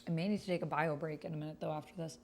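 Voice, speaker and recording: Keyboard typing runs in the clear background as a female streamer chats and reads out her roleplay text with gushing sentiment during a text-based game. Her low voice keeps a steady tone and races along.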